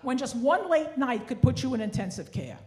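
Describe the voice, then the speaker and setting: A woman in her sixties, speaking in a high, darkish, animated voice at normal speed, does stand-up comedy on an indoor theatre stage. Her act is wry, self-deprecating kvetching with a Yiddish inflection, delivered into a handheld stage mic amid live ambience and clear noise.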